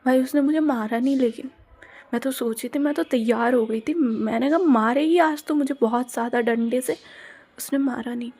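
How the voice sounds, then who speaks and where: A dramatic, lovestruck teenage schoolgirl in an audio story, played by a woman narrator. She gushes in slangy, exaggerated bursts, and her voice sits high. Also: normal speed, darkish tone, husky. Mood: gushing. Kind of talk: Hindi audio story role-play.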